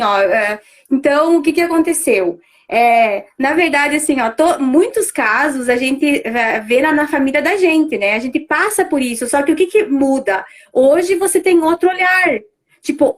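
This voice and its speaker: A middle-aged woman with a high voice speaks in a loose, conversational way. She fills her talk with restarts and little fillers, as if chatting during a live stream. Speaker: family constellation facilitator.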